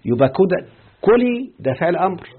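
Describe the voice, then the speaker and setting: A man's voice: high-pitched, very animated, brisk. Man teaching grammar in an Egyptian accent. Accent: Egyptian Arabic. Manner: explains step by step, keeps checking that students follow. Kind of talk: classroom grammar lesson. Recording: tinny phone-like husky recording.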